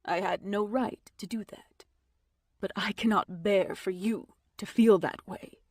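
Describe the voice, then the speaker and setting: A woman narrator voicing a brooding, wounded male lover who speaks slowly in a hushed, breathy tone. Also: medium pitch, fairly even intonation, dry recording, studio quality. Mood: grave pleading. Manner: slow, grave and pleading. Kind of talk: audiobook character voicing.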